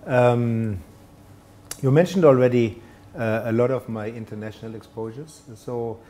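A medium-pitched, mellow voice at a measured pace belongs to a telecom executive from Germany, appearing as a guest in a conversational interview. The setting is an indoor studio with a brick wall, and he speaks with hesitation and self-deprecation, using many fillers and restarts.

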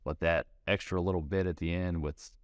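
A plumbing salesperson in his thirties gives casual interview answers on a TV studio set, describing his work practically and in detail and often repeating words while he thinks. His deep voice is fairly even and moves at normal speed, with studio-quality sound and no echo.

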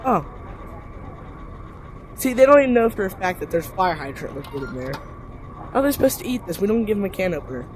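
A man's voice: high-pitched, sing-song, brisk, pauses often. Slangy young male gamer, noisy recording. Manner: slangy, joking. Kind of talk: casual gameplay commentary.

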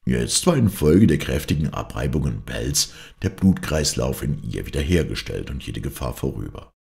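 With a very deep voice full of gravel, a man reads a classic adventure novel aloud for an audiobook. His pacing is measured and steady.

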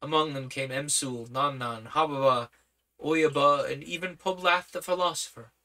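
A man's voice: a little high, moderate pace, pushed and bright. A man reading an adventure story aloud as a narrator. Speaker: reader on a streamed book reading. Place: indoor room, seated at webcam.

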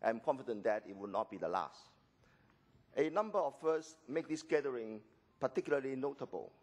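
Guy from hong kong welcoming a forum crowd, voice going a bit hoarse, slow careful delivery with some uhs, average pitch. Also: lively intonation, a little mellow. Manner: measured, with frequent pauses and filler "uh"s. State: losing his voice. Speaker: executive director giving welcome remarks. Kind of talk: formal welcome speech.

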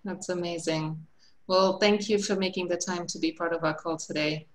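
A woman's voice: fairly low pitch, fairly even intonation, moderate pace, slight background noise, low-quality recording. Encouraging woman moderating a video panel. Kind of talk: video call interview. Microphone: computer mic on video call.

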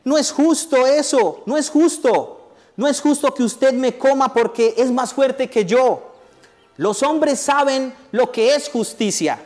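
A man voicing a small frightened lazy female bee with a high, pleading voice. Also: takes it slowly, darkish tone. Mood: defiant. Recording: echoey hall, faint music.

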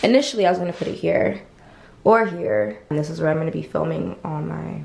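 A woman's voice: low-pitched, a little fast, gravelly, darkish tone. A young woman vlogging casually at home, chatty and emphatic, dropping the odd swear as she talks. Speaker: lifestyle vlogger. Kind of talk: casual vlog chat. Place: indoors at home in a small room. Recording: echoey room, faint home ambience.

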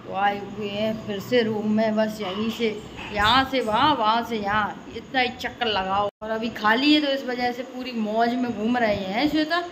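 A young woman talks casually to her viewers, pitched a little high. She is recorded on a phone in a hostel room, and the clip carries steady background noise. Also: moderate pace. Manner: chatty, talking to viewers. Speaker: vlogger. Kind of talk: casual vlog narration. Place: hostel room and kitchen, indoors.

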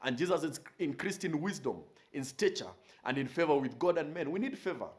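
Emphatic pastor man, slightly high voice. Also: lively intonation, a little fast, a little mellow. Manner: emphatic, repeats key phrases, gestures with hands. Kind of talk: recorded sermon teaching. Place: indoor studio with purple curtain backdrop.

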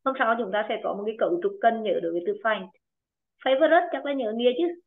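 A woman English teacher speaking with a Vietnamese accent, her voice pitched a little high. She coaxes students along and repeats words slowly for them to copy. The sound is narrow and tinny, like an online call. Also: lively intonation. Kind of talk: online pronunciation lesson. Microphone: video call. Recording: tinny phone-like video call audio.

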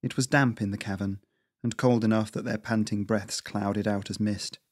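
A man's voice: fairly low pitch, steady tone, moderate pace, no echo, studio quality. A man hosting a podcast and reading his own fantasy flash fiction aloud, with a hesitant, filler-heavy intro. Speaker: podcast host and author.

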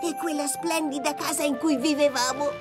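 A woman's voice: high voice, fairly even intonation, normal speed, close to an everyday voice. A woman voicing an ailing, sulky young boy blob creature in a cartoon, in a dramatic manner. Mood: dreamy, nostalgic. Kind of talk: Italian cartoon dub acting. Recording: loud music behind the voice.

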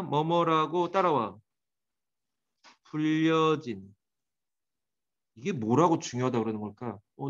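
Teaching English grammar to his class, a man calls on students by name to quiz and tease them between points. His fairly high voice leaps about animatedly, and the recording is lo-fi and dull.

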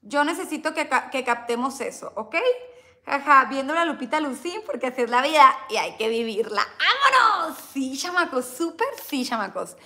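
A woman's voice: high-pitched, expressive, normal speed, bright, forceful tone. A woman with a Mexican accent who chats playfully with her viewers on a livestream while reading aloud from an old diary. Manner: chatty, playful, calls viewers "chamacos" and "bebé". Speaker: YouTuber hosting a livestream.

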